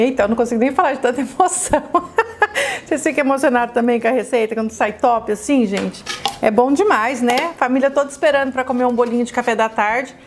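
A woman with a Brazilian Portuguese accent walks through a recipe in a bright, high voice. She talks like a cooking host, effusive and exclamatory, and keeps calling her viewers her loves. A faint hum sits behind her in the kitchen. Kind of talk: chatty cooking demonstration.

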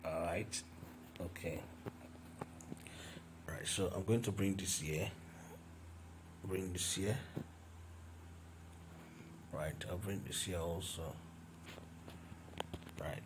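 A man with a deep, low voice narrates a screen-recorded design lesson at an unhurried pace. He talks through each step as he goes, with fillers and restarts. Background noise runs clearly under his voice. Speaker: design tutor. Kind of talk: screen-recorded software tutorial.

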